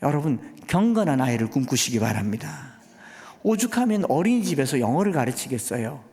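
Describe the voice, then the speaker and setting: A man's voice: mid-range voice, big pitch swings, brisk, a little mellow. A male guest pastor preaching a sermon in a church, pressing his congregation with rhetorical questions. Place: church sanctuary. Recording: long church hall reverb.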